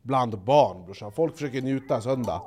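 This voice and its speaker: Animated swearing young-sounding man. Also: medium pitch, very noisy. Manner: animated, swearing, acts out quotes in loud raised voices. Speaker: podcast co-host. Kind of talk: casual chat.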